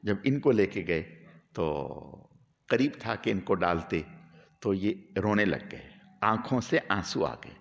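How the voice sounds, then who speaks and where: Man preaching, lively up and down voice, echoey hall. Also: lowish voice, creaky, highs cut off. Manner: animated storyteller, rising to emotional peaks. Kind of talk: weekly sermon storytelling. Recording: long hall reverb.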